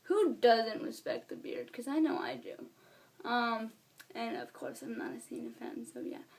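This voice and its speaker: A woman with a high voice reviews a wrestling show in a loose, rambling vlog. She is chatty and fills her talk with fillers. She often wanders off her point and says sorry for it. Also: a little slow, gravelly, a little mellow. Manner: rambling, apologizes for being all over the place.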